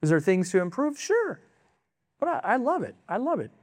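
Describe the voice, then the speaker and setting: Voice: mid-range voice, sing-song, normal speed, no echo, clean studio sound. A pastor from the United States, preaching a sermon with emphatic, exclaiming asides.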